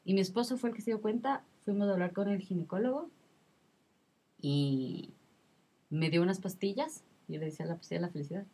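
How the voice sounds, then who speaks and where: A woman's voice: mid-range voice, a little fast, warm tone, breathy edge. A woman in her thirties in a casual conversation, telling a personal story with emotion and a lot of repetition. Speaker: guest sharing her experience.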